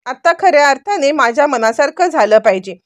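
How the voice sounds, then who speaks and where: Playful little girl who wants treats, read by a woman narrator; high pitch. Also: animated, a little fast, dry recording. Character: young girl, playful and demanding.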